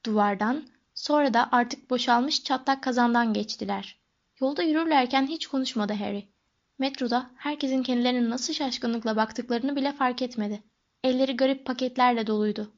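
A woman reading an audiobook as narrator, with even, measured storytelling. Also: on the high side, highs cut off.

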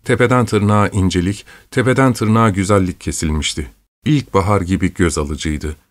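A man narrating a classic novel in a measured, literary, unhurried manner. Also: low-pitched. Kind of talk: scripted audiobook narration.

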